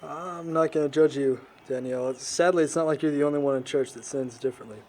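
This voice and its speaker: In an amateur audio drama, a young man with a slightly high, darkish voice, close to everyday speech with a little hiss or hum, plays an earnest, reflective teenage boy. The character is a thoughtful, non-judging quiet outsider, and he chooses his words in a measured, careful way.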